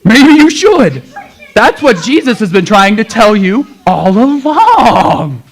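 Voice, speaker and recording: In a children's church Christmas show, a performer voices puppet characters, exclaiming and addressing the kids in an exaggerated, earnest way. The delivery is medium-pitched, sing-song, slow and heavily acted.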